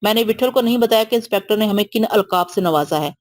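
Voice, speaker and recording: A woman reading an audio novel aloud as narrator, keeping one steady voice for all the characters. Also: medium pitch, fast, no echo.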